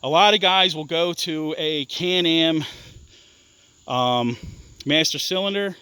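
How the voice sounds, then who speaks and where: A young man walks through the parts on his off-road bike in a loose, stop-start way, full of ums and restarts. His voice is smooth and clear, and the sound is dry, with no room echo. He talks bluntly and swears casually. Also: a little high, sharp tone. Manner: halting, many ums and restarts, blunt and profane. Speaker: ATV owner explaining his bike mods. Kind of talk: casual walkaround explanation.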